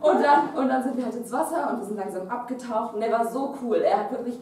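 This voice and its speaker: A young woman telling an improvised comic story to a class, lively and often laughing as she talks. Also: fairly high pitch, quick pace. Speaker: student storyteller. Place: classroom stage. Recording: echoey room, mic far off.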